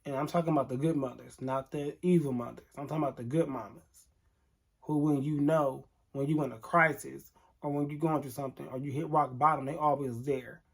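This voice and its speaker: A man's voice: a little high, steady tone, brisk, gravelly, husky. A man vlogger telling an emotional storytime to camera, candid and earnest, talking straight to his viewers.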